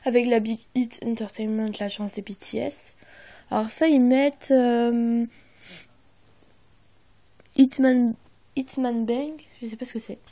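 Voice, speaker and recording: A woman's voice: fairly high pitch, fairly even intonation, unhurried, pauses often, mellow. A young woman narrating a casual unboxing, hesitant and apologetic, with many fillers, often dropping to a half-whisper, recorded on her phone. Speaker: vlogger.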